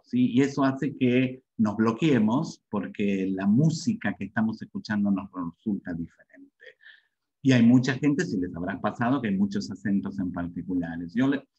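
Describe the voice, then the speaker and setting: A man's voice: on the low side, darkish tone, breathy edge, muffled recording. A man giving a webinar lecture on learning English, repeating himself and checking in with the audience often.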